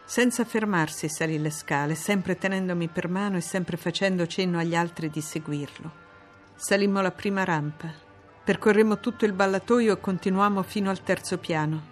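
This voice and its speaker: An Italian woman reading a classic novel aloud in a measured, steady narration. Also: lowish voice, faint music behind. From Italy. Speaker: audiobook reader. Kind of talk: literary audiobook narration.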